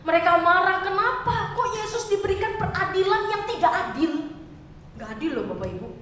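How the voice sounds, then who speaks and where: A woman pastor giving a chatty, expressive sermon and asking her congregation questions. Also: very high voice, a little fast, a little hiss or hum. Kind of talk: conversational sermon. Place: church hall. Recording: echoey church hall, mic far off.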